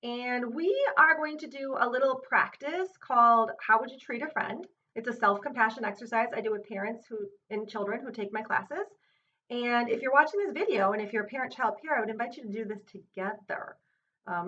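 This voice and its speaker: Woman, mindfulness teacher, soft-spoken and unhurried, somewhat high voice, muffled recording. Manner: gentle, unhurried, thinking aloud with many fillers and restarts. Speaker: self-compassion teacher. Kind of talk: guided exercise with her child. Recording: distant, muffled mic with faint hiss.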